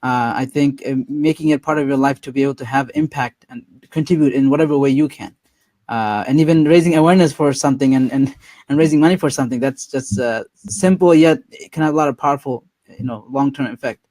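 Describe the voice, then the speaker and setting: A man hosting an interview conversation. He speaks haltingly, repeating words as he works his way toward a question. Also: medium pitch, a little mellow, no echo. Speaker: host.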